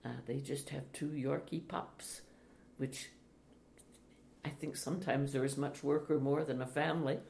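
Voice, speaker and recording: An older woman, a retired teacher, speaking slowly and reflectively in an interview. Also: rumbling low, steady tone, vocal fry. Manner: slow, reflective, with soft laughs. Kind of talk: oral history interview. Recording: echoey room, faint hiss.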